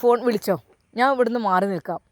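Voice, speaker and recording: Brief: a woman playing a steady male officer, firm and soothing, close dry voice. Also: fairly high pitch, fast talker, dry recording, natural voice. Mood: reassuring. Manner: reassuring, firm. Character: calm male prison officer.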